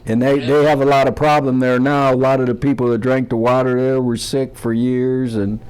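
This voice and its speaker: Older man recalling memories, mellow. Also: mid-range voice, flat delivery, clean tone. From Cleveland, Ohio, USA. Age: 70s. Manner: plainspoken, halting with many uhs. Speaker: veteran interviewee. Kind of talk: recounting memories in an interview.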